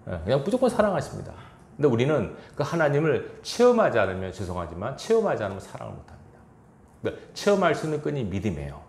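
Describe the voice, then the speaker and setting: A man's voice: mid-range voice, wildly swooping pitch, fast talker, vocal fry, a little mellow, reverberant, a little hiss or hum. A man pastor preaching a sermon in a church, chuckling now and then and acting out quoted lines. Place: church sanctuary.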